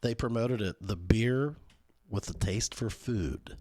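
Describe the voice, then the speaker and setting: A man's voice: fairly low pitch, slow, darkish tone, slightly rough, dry recording, clean studio sound. A man co-hosting a podcast, chatting casually with many restarts. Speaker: podcast co-host. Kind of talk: casual chat.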